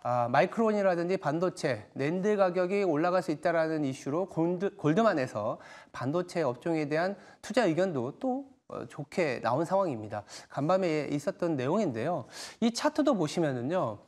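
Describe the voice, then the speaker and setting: Higher-voiced male market show host. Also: animated, a little mellow. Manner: measured, explanatory delivery with frequent fillers. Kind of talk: broadcast market commentary and interview.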